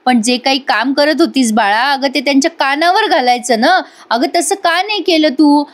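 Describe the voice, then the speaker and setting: A woman voicing a gentle, worried mother who keeps asking anxious questions. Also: high voice, normal speed, close to an everyday voice.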